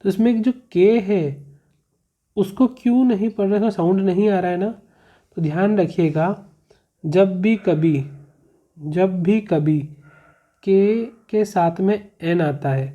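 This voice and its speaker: A male teacher explaining grammar rules in a classroom lesson, repeating each rule and asking the class questions as he goes. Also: high voice. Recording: muffled, slightly lo-fi.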